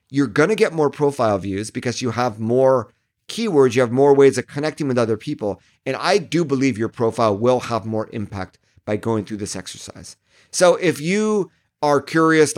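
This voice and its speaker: A middle-aged man hosting a solo podcast as a marketing coach, talking directly to listeners from his home office in a friendly coaching tone, his voice a little worn. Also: medium pitch. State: slightly losing his voice.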